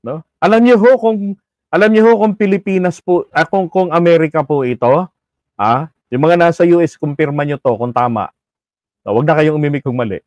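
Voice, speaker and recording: Joking Filipino commentator with a dry voice. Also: male voice, a little high, brisk, a little mellow, dry recording, highs cut off. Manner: chatty, joking, switches between Tagalog and English, acts out phone calls. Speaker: online commentator. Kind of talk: casual commentary monologue.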